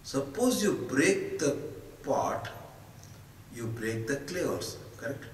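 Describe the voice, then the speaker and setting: A man with an Indian accent giving a spiritual discourse as a teacher, emphatic, posing rhetorical questions and answering them in short, deliberate phrases. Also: medium pitch, big pitch swings. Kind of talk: spoken philosophical discourse to students. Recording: echoey hall, distant mic, faint noise.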